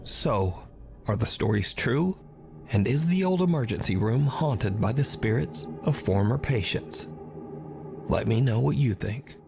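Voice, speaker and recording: A man giving a measured, dramatic scripted narration of eerie events. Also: medium pitch, lively intonation, gravelly. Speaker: show narrator. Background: background music.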